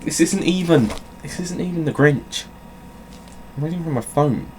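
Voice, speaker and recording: His voice is a little high and moves at normal speed, with a little hiss or hum in the recording. He hosts a gaming channel in a dry, self-mocking way, alternating theatrical storybook narration with loose, profane tangents.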